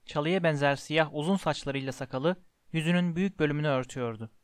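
A man reading a storybook aloud in a measured way, slowing down for descriptive passages. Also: a little high, smooth, no echo, studio quality. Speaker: audiobook narrator. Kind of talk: storybook narration.

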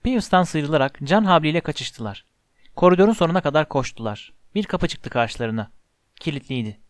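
A man reading a story aloud as narrator, in a steady, expressive way. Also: a little high, brisk, no room sound. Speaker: audiobook narrator.

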